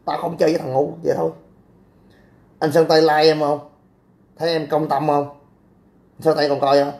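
Brash livestreamer, dark voice. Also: male voice, fairly high pitch, level tone, fairly quick, vocal fry. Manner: brash, crude, blocks commenters. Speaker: livestream host. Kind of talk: casual livestream chat reading comments.

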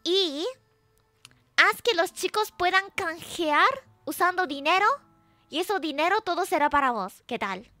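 A woman's voice: extremely high pitch, lively intonation, a little slow, bright, forceful tone, no echo, soft background music. A woman streaming as a VTuber, chatting casually and playfully, teasing her chat and reading messages aloud.

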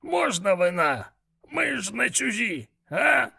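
A cocky demon mentor, as a male reader puts him on, high and bright with a gravelly edge, barking his lines. He sounds brash and sarcastic in a comic fantasy storybook. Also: sing-song, slow, exaggerated voice. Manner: grumbling, brash.

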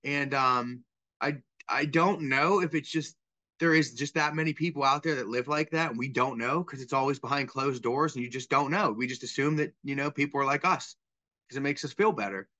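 A man's voice: medium pitch, a little fast, pushed and bright. A man in his thirties, a guest on a video call interview, telling his story in a candid, self-deprecating way from a small room. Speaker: guest, property cleanout worker. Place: small room indoors with bookshelf.

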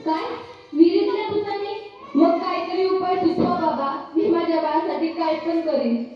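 A woman's voice: very high voice, moderate pace, a little hiss or hum. A performer playing an anxious, devoted young village mother in a school stage play, pleading with an emotional delivery. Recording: echoey hall, dull sound, faint music.

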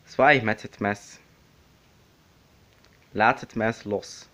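A man playing the instructor in a spoof tutorial, giving commands in a put-on flat robot voice. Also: on the low side, very slow, noisy background.

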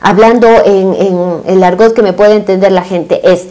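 A woman's voice: medium pitch, fairly even intonation, normal speed, mellow. A woman, giving a marketing webinar over a video call, explaining with fillers and rhetorical questions. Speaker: business and marketing consultant. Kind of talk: webinar presentation. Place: indoor room, small webcam inset.

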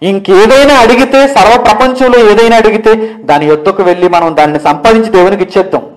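A man from India teaches a Bible lesson in a high, brisk voice, captured on a low-quality recording. His preaching builds with rising emphasis as he fires off rhetorical questions.

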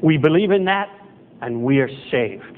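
A man's voice: fairly high pitch, lively intonation, normal speed. A middle-aged man preaching a conversational sermon as pastor in a chapel, correcting himself as he goes. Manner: conversational, self-correcting, acts out quoted voices. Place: church chapel hall with projector screen, indoors. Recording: tinny phone-like sound with faint noise.

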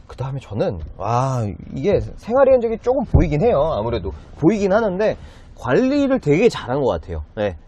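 A used car dealer in his thirties presents a car with polite, enthusiastic salesman patter in a casual walkaround, speaking from inside the car and in an underground car park. His voice is a little high with huge pitch swings and a fairly quick pace, against noisy surroundings.

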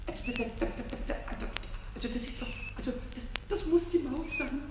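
A man's voice: extremely high pitch, very animated, unhurried, reverberant, big-room sound, background noise, full character voice. An actor voicing a mischievous, childlike little male kobold in a vintage radio play, stammering, giggling, and jumping between whispers and squeals. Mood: hushed wonder.

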